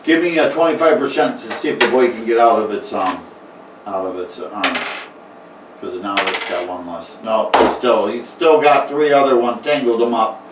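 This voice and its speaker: A man narrating as game master in a casual tabletop game, talking haltingly with many fillers and restarts. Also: fairly low pitch. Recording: echoey room, mic far off, faint noise.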